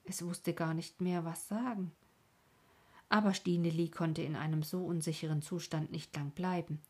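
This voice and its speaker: Woman, audiobook narrator, storybook narration, low voice, husky, gentle, half-whispered. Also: steady tone, normal speed.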